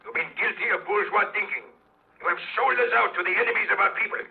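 An actor playing a vengeful, belligerent zealot in an old-time radio drama, forceful and declamatory. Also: male voice, high-pitched, quick pace, gravelly, narrow, tinny audio. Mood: menacing accusation. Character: belligerent, vengeful hard-line male zealot. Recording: thin old radio recording.

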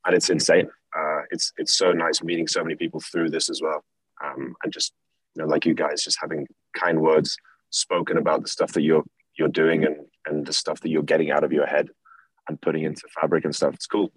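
A young man from England, a guest in a casual interview, talking in a relaxed, rambling way with lots of fillers. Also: a bass voice, fairly quick, husky, dry recording, poor audio. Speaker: guest, clothing brand founder.

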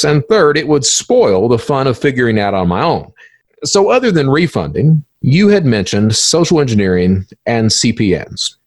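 A podcast host with a fairly low voice runs a casual interview, speaking bluntly and colloquially and swearing now and then. The recording is dry.

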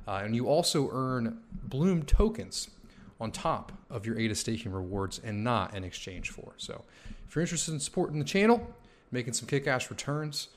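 A man hosting a casual podcast interview, loose and relaxed, leaning on lots of "you know"s, talking around a sore tooth. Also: mid-range voice, normal speed. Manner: relaxed, filler-heavy talk with many "you know"s. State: sore mouth from a tooth coming in. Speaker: podcast host.

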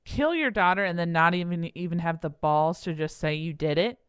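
A woman's voice: fairly low pitch, brisk, clear, resonant tone, dry recording, clean studio sound. A woman co-hosting a podcast, reacting in casual chat in a blunt, profane way. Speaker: podcast co-host.

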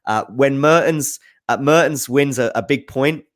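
Fielding viewer questions on his tennis news show, this man speaks a little slowly in a mid-range voice. His commentary is loose and unscripted, and he thinks out loud with plenty of enthusiasm.

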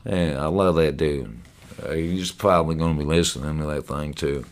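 A man's voice: rumbling low, steady tone, normal speed. A man speaking as a podcast guest, telling his story in a casual, blunt, profane way and restarting sentences as he goes. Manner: blunt and profane, gets loud when reliving moments; repeats words as he restarts sentences.

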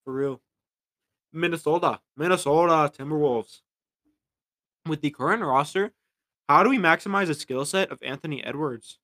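A man's voice: fairly high pitch, moderate pace, long pauses, bright, forceful tone, no echo. A young man co-hosting a casual sports podcast, reading listener questions aloud and sometimes stumbling over the words. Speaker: podcast co-host.

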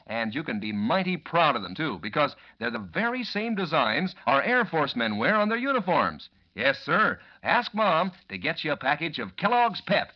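An American man as a 1940s radio announcer, giving a folksy, enthusiastic sales pitch to young listeners. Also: sing-song, normal speed, few pauses. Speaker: commercial announcer. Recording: dull, lo-fi vintage radio recording.

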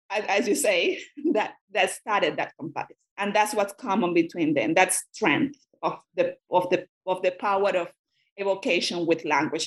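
A woman who grew up in Cuba, a native Spanish speaker, talks as a guest scholar in an academic interview. Her voice sits in a middle pitch. She thinks aloud, circling back and restarting phrases as she goes. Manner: thoughtful, frequent restarts.

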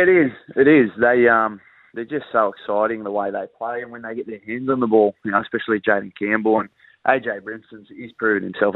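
A man's voice: lowish voice, creaky, no room sound. An Australian man in his twenties, a rugby league player chatting casually in an interview over a tinny phone line.

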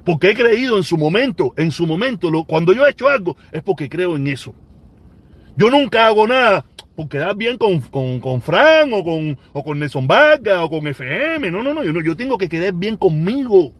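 A man's voice: sits high, very animated, normal speed, slightly rough, dry recording. A man in his forties with a Cuban accent, talking casually on a live stream and answering viewer comments, emphatic and prone to repeating himself. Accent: Cuban Spanish. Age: 40s. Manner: emphatic, repeats phrases for weight.

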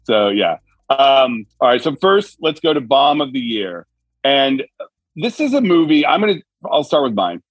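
A man's voice: medium pitch, big pitch swings, measured pace, dry recording, low-quality recording. A man hosting a podcast with conversational industry commentary, recorded on a tablet's built-in microphone rather than studio gear. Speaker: podcast host. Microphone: tablet's built-in microphone, away from studio.

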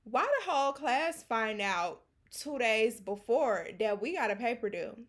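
A woman's voice: a little high, expressive, a little slow. A young American woman co-hosting a podcast, talking casually and venting in everyday slang. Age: young adult. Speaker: podcast co-host, student.

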